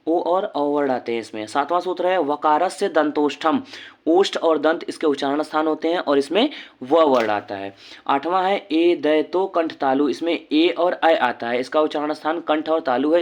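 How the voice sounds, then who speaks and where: A man teaching a lesson, explaining slowly and deliberately, drawing out each sound he pronounces. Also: a little high, lively intonation.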